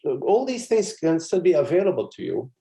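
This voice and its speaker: A man's voice: fairly high pitch, wildly swooping pitch, moderate pace, gravelly, warm tone. A man, a spiritual teacher, giving a meditative live satsang talk in a meandering, conversational way with frequent chuckles and asides.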